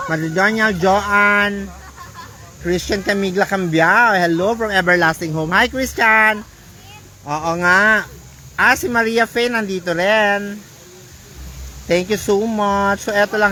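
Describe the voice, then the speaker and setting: Slow-talking Filipina vlogger greeting viewers. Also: female voice, mid-range voice, slight background noise. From Philippines. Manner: chatty, reads out viewer names and shout-outs. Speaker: vlogger on a livestream. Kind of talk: casual livestream chat, greeting viewers by name. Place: outdoors on a beach island.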